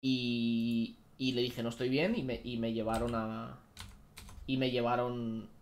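A man telling a personal story in a vlog, halting and restarting often as he retells what happened. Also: medium pitch, little pitch movement. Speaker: YouTuber.

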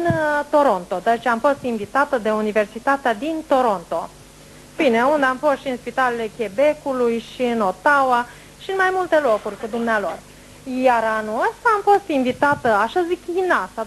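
A middle-aged woman with a fairly high voice tells a long, rambling story to a gathered group. Her speech is animated and folksy, full of regional words. The old home video carries a faint hum in the background. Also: low-quality recording. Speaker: clairvoyant speaking to a group. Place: indoor meeting room, standing before a seated group.

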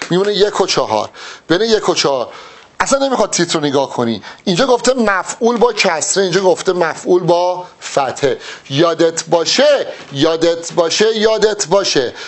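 A man with a fairly high voice tutors students for an exam. He works through the answer options with emphatic, animated delivery and addresses the learners directly. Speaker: exam-prep Arabic teacher. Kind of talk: test-solving lesson.

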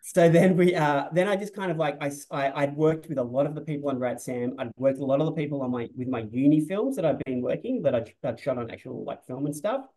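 Director, 40s, casual and rambling, webcam sound. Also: male voice, fairly high pitch, fast talker, hardly any pauses, warm tone, rough recording. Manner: rambling, restarts often, says "like" a lot. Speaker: film director. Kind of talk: casual interview on a video call. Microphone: video call webcam.

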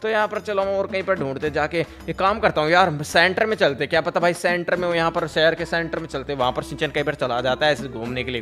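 A young man doing role-play commentary over his game, talking fast and emotionally to his viewers. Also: on the high side, sharp tone. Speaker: gaming video creator.

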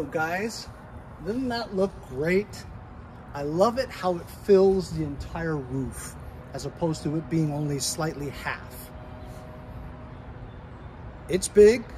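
A man's voice: fairly high pitch, darkish tone. Chatty middle-aged man reviewing outdoors. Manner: chatty, addresses viewers as guys. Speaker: product reviewer. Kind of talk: casual product review vlog. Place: outdoors in a suburban driveway. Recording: outdoor street noise behind.

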